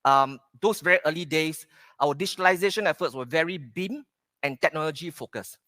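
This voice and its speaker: A middle-aged man from Singapore with a Singaporean English accent, giving a keynote at a conference, pausing with "okay" between points. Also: fairly high pitch, bright, forceful tone, dry recording. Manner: plain, repeats "okay" to pace points. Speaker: conference speaker. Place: conference hall stage.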